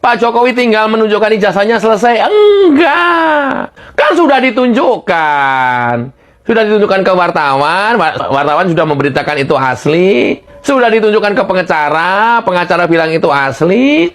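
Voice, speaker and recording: A woman's voice: mid-range voice, very animated, normal speed. Fiery woman firing rhetorical questions. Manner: impassioned, fires rhetorical questions, laughs mockingly. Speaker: political commentator. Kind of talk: heated political commentary.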